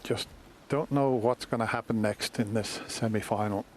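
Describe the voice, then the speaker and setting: A man giving hushed, measured and understated live snooker commentary. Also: lowish voice, steady tone, a little hiss or hum.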